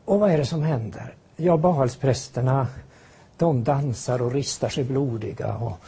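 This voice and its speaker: An older man preaching a sermon in a lively, conversational way, full of rhetorical questions and folksy asides. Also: mid-range voice, vocal fry, breathy edge.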